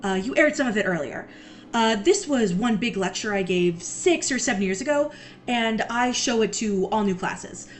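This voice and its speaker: A woman's voice: a little high, lively intonation, moderate pace, close to an everyday voice. A woman playing an eager, awkward magic scientist in an audio drama, rambling and hesitant with dry exasperation. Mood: eager, brisk. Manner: rambling, hesitant, dryly exasperated public speaker.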